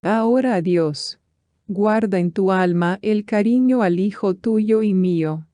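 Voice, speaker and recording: A woman's voice: medium pitch, measured pace, dark tone, no echo, clean studio sound, close to an everyday voice. A woman reading the lines of a wife's ghost, in a solemn, consoling manner. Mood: solemn, tender. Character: ghost of a grieving young wife.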